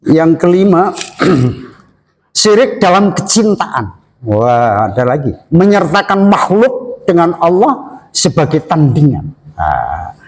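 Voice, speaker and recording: A man giving a religious study lecture to a congregation, chatty, joking and laughing with his listeners, slowing to stress key terms. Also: a little high. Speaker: Islamic preacher. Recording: echoey hall reverb.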